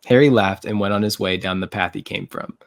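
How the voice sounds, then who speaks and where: A man narrating a fan story read-through in an even reading manner, with occasional slips. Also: on the low side, fairly quick, gravelly, no room sound, clean studio sound.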